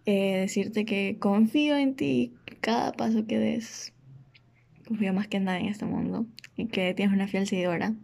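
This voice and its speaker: A woman, tearful and choked up, giving a halting, emotional birthday message to her brother. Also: medium pitch, creaky, a little mellow. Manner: emotional, halting with many fillers. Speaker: sibling sending birthday wishes. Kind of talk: heartfelt recorded message.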